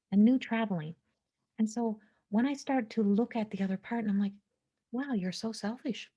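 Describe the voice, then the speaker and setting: Her voice mid-range and the recording muffled, a woman in her 40s hosts a podcast with a slow, introspective spiritual monologue, occasionally dropping into a whisper.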